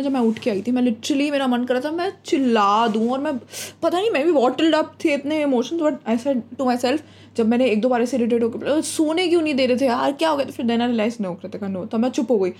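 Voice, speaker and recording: High, breathy young woman. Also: brisk, a little mellow. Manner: earnest storytelling, mixes Hindi and English. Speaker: podcast co-host. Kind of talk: casual chat.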